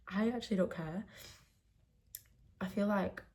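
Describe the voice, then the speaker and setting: A woman's voice: medium pitch, takes it slowly, darkish tone. A young woman chatting candidly while getting ready, rambling with lots of fillers. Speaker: beauty vlogger. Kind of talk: casual chat while doing makeup. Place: indoors at home, getting ready.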